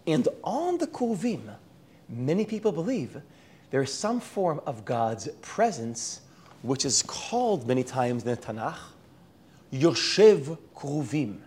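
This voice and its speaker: A man's voice: on the high side, sing-song, slow pace, darkish tone, breathy edge. An Israeli man with an American-sounding accent, lecturing on a Bible book, often restarting words and mixing in Hebrew terms. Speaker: Bible teacher.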